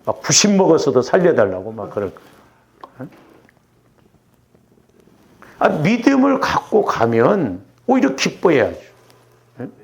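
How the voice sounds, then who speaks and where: A middle-aged pastor from Jeolla preaches at a Wednesday prayer service in a church sanctuary. His fairly high voice swoops wildly in pitch, and he speaks unhurriedly with long pauses. His manner is chatty and conversational, and he keeps asking the congregation "응?", meaning "right?".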